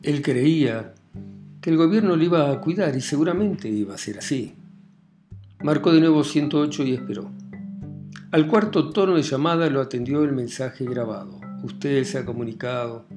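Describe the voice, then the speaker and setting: A man reading a short story aloud in a calm, measured way with dry irony. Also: on the high side, soft background music.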